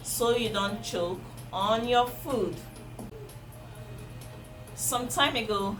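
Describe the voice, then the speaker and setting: A woman with a mid-range voice and a Nigerian accent, Igbo being her native tongue, gives heartfelt parenting advice directly to camera. She repeats the essentials for emphasis as a vlogger, with music under her voice and poor audio.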